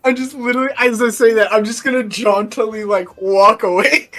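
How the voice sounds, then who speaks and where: A man's voice: sits high, steady tone, brisk, over loud music. A man playing a tabletop game, eagerly stating his character's moves and cutting off his own sentences. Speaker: player. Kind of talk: casual tabletop play.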